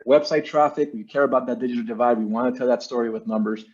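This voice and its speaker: A man's voice: mid-range voice, fairly even intonation, quick pace, darkish tone. A man giving an informal, salesy slide presentation in an online meeting, speaking in casual business jargon. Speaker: presenter, marketing agency owner. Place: virtual meeting. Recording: dull lo-fi online meeting audio.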